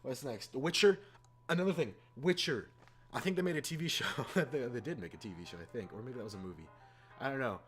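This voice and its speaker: Talking fast and animated in a mid-range voice, this man hosts an informal YouTube rant full of exasperation. He keeps repeating words for emphasis while music runs in the background.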